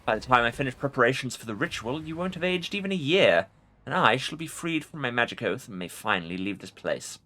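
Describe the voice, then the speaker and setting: A man's voice: lowish voice, sing-song, brisk, pushed and bright, exaggerated voice. A man voicing an ancient undead lich from a fantasy game, arrogant and imperious, with pompous formal speech. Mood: commanding. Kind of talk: dramatic video game role-play reading.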